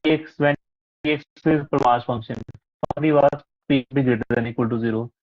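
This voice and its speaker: A man's voice: medium pitch, steady tone, a little fast, a little hiss or hum. A man, teaching a live online class in a patient, explanatory way, with frequent fillers. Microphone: laptop or headset mic on a video call. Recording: muffled, lo-fi online call audio.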